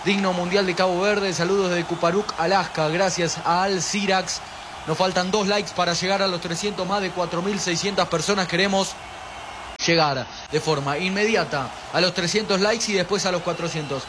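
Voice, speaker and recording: A man's voice: high voice, moderate pace. A man with an Argentine accent narrating a live football stream, chatting with viewers, reading their messages and urging them to like. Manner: animated, reads viewer chat aloud, pushes for likes. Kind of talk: live pre-match stream commentary. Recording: steady background noise.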